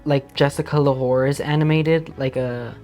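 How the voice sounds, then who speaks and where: A man in casual conversation, speaking at a medium pitch. His phrasing is informal and hesitant, and music plays behind him. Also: fairly even intonation, normal speed, darkish tone. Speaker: producer being made up as guest. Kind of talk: casual chat.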